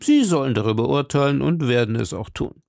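A man reading an audiobook, voicing an irritable, commanding king who speaks imperiously and loudly. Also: medium pitch, animated, brisk, creaky, no room sound, clean studio sound. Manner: imperious, loud, exasperated. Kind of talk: audiobook character voice.

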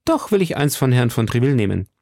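A man's voice: mid-range voice, sing-song, quick pace, mellow, dry recording, studio quality, pitched above the performer's own voice. A man voicing a bold young musketeer who speaks eagerly and commits at once, in a German audiobook reading. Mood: lively.

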